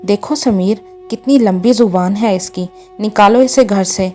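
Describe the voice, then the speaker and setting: A woman's voice: mid-range voice, dark tone, soft background music, natural voice. A woman voicing a harsh older mother-in-law who scolds and belittles her daughter-in-law. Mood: scolding. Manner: scolding, contemptuous.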